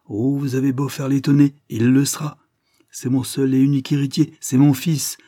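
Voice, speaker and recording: Male reader doing a dying old lord: commanding, pushing his voice higher and louder for emphasis, husky. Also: normal speed, no echo, studio quality, close to an everyday voice. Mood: emphatic. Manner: insistent, rising to sharp emphasis. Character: aging dying English lord, urgent and commanding.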